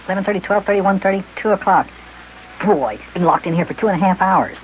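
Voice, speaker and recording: A man's voice: high voice, fast talker, pitched above the performer's own voice, lightly acted. A man voicing a small, peevish, childlike boy elf in an old children's radio serial. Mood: bored, impatient. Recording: dull, noisy old radio recording.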